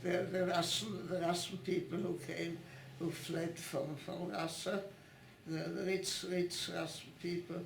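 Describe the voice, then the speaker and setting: An elderly woman in her nineties with a gravelly, creaky voice, speaking haltingly in an oral history interview. She stumbles through many repeated restarts while she hunts for words. The recording has a roomy echo from her home. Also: fairly low pitch, flat delivery, a little hiss or hum. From born in Italy, raised in Italy and Switzerland. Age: 90s.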